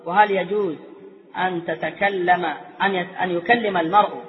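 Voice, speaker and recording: A man's voice: high-pitched, fairly even intonation, normal speed. A man moderating a religious session, formally reading out questions submitted by the audience. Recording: reverberant hall, muffled lo-fi sound.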